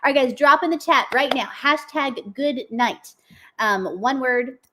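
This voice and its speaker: A woman co-hosting a live product demo stream chats in an upbeat way, filling her speech with lots of fillers. Her high, slightly bright voice moves at a measured pace and sounds a little worn from a cold.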